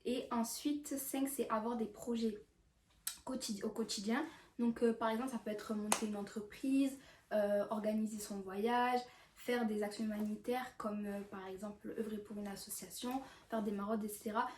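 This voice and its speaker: This YouTuber's voice is a little high and a little mellow, steady and moderately paced as she chats about self-improvement. She's young and hesitant, restarting and filling pauses a lot, while the distant mic picks up room echo and faint hiss.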